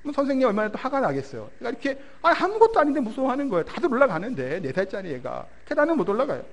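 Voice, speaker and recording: Lively, fast-talking male pastor preaching. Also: very high voice. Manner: conversational, asks the congregation rhetorical questions. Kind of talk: sermon with personal stories. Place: church sanctuary.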